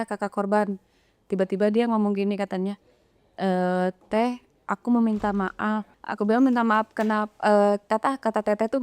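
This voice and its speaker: A woman's voice: mid-range voice, darkish tone, clean tone, no echo. A woman, retelling a painful story in an interview and acting out the dialogue with hesitant restarts. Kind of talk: emotional retelling of events.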